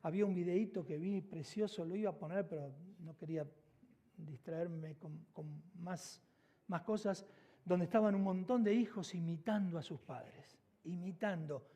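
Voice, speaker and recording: A man with an Argentine accent preaching a sermon as pastor, moving between emphatic declarations and hushed, intimate asides. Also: high voice. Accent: Argentine Spanish. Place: church sanctuary.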